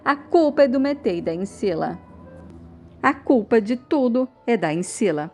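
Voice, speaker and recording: A woman's voice: a little high, lively intonation, a little slow, a little mellow, faint music behind. A woman voicing a distraught middle-aged mother in a soap recap, bitter and demanding. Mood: accusing. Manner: bitter, demanding, repeated challenges.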